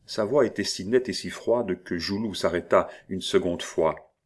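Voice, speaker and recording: A man narrating a novel in a steady, measured reading voice. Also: low-pitched. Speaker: audiobook narrator.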